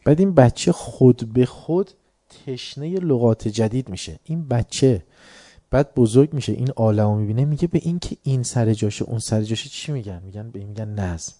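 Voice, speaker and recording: A man's voice: mid-range voice, dark tone, dry recording, studio quality. A man giving an informal religious talk to an audience, conversational and joking, often mimicking other people's voices. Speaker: religious lecturer.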